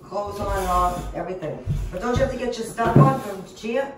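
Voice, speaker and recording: A woman chatting casually off-camera and asking quick, matter-of-fact questions. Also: medium pitch, reverberant, over loud music. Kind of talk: casual chat.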